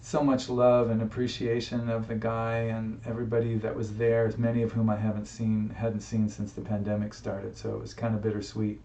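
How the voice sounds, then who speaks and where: A musician speaking to camera in a personal tribute, reflective and heartfelt, pausing often with fillers, recorded on a webcam microphone. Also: male voice, fairly low pitch, monotone, warm tone, slight background noise. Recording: roomy, distant, dull webcam sound.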